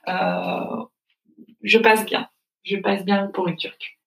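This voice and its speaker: Her voice slow, gravelly, mid-range and a bit bright, a woman from France reflects as an interview guest in a relaxed conversation. She hesitates often with fillers, and the recording picks her up from a distance in an echoing room.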